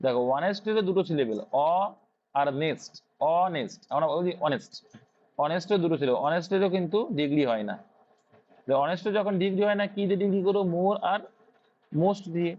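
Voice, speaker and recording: A Bengali-accented man tutors students in English grammar, speaking fast and expressively in a high, slightly mellow voice. He asks questions and answers them on his own, captured in dull lo-fi sound.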